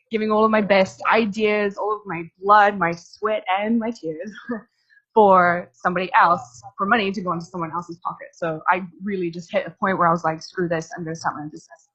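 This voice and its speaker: A young woman from New Zealand talks casually through a workshop presentation, filling her sentences with loose asides. Her voice is slightly husky and sits at an ordinary pitch. The recording is muffled and lo-fi. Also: a bit bright. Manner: casual, chatty, filler-heavy. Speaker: workshop speaker. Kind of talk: live presentation to an audience.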